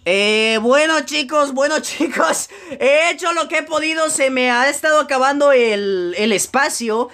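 A man hosting a gaming channel, giving excited gameplay commentary and cheering himself on, swinging between hushed asides and shouts. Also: very high-pitched, unhurried.

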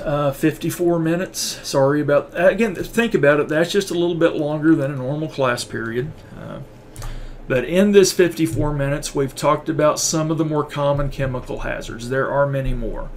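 A man giving a recorded university lecture on workplace safety. He talks haltingly, with many fillers and restarts, and he sounds tired and a little out of breath. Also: medium pitch, a little hiss or hum.

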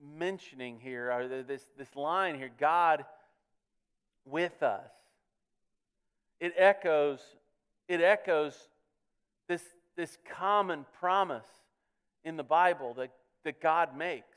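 Earnest high-voiced man preaching. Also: takes it slowly, pauses often, a bit bright, clean tone. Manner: earnest preaching with frequent word repeats, swelling on key words. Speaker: pastor. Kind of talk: sermon. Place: church sanctuary.

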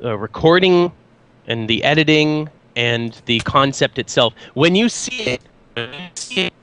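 A man's voice: fairly high pitch, lively intonation, unhurried, fairly bright tone. Upbeat young-sounding man co-hosting. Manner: upbeat, rambling with restarts. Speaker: channel co-host. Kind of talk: casual channel update chat. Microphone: remote call audio.

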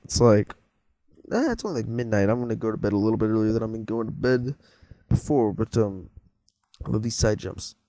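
A teen commentator speaks fairly quickly in a lowish, dark voice full of animation, rambling through a casual let's-play. He's easily startled and trades jokes with viewers, and the recording is dry.

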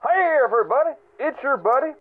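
A man's voice comes through a landline phone as a played-back voicemail, thin and tinny with a faint hiss underneath. He talks very high and keeps exclaiming and stumbling over restarts as he narrates what he sees. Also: lively intonation, brisk. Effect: heard over a landline phone as a played voicemail. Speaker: caller leaving a voicemail. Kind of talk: excited play-by-play rambling.

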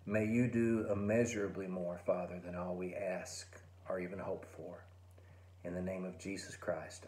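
A man's voice: sits low, a little mellow, roomy sound. A man in his forties, a pastor, reading scripture and praying in an earnest, reverent way, filmed on a phone at home. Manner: earnest, prayerful, slow reverent phrasing. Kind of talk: devotional reading and prayer. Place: home room by a window. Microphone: phone camera at arm's length.

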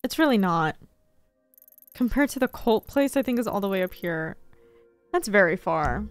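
A young woman chatting through a first playthrough of a video game, chatty and excitable. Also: medium pitch, moderate pace, smooth, no echo, soft background music. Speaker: let's play gamer. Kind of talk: casual gameplay commentary.

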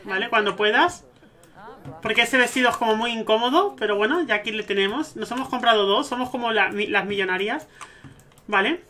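A man with a Spain Spanish accent giving gushing, excitable let's-play commentary over a life-sim game. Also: sits high, a little fast. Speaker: gaming streamer.

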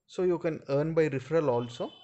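Male video host, Indian accent, slightly high voice, informal instructional delivery that repeats points for viewers. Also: fairly quick, warm tone, dull audio. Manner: instructional, repetitive, addressing viewers often. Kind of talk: informal screen-share tutorial.

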